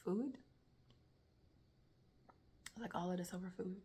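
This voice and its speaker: A woman's voice: on the low side, moderate pace, a little hiss or hum. Emotional young woman telling a personal story. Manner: emotional, animated retelling with soft whispered asides. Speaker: testimony speaker. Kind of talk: personal testimony, casual storytelling.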